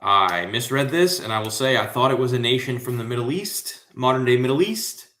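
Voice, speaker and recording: A man's voice: medium pitch, lively intonation, fairly quick, pushed and bright. A man with an American accent, from Central Florida, hosting a casual livestream trivia show in a slangy, hyped, rambling way. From Central Florida, USA. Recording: echoey room.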